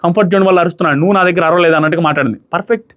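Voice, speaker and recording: Fast-talking man reviewing a show. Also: sits high. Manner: fast animated retelling, acting out quotes. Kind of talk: casual commentary.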